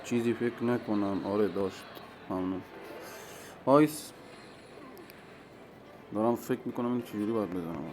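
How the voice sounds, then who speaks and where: A man giving live commentary on his own mobile game match, talking to himself and his opponent, with sudden excited outbursts. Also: on the low side, long pauses, background noise. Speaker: gaming streamer.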